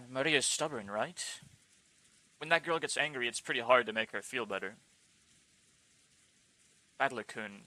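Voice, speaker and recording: Brief: shrewd, composed middle-aged woman from a visual novel, coaxing tone, bright voice, read by a man. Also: medium pitch, no echo, poor audio.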